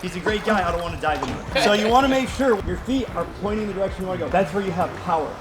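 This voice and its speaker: A man in his thirties, a swim coach and presenter, calls out instructions to a group during an outdoor poolside demonstration, speaking high-pitched and quickly. A loud crowd and background music are audible.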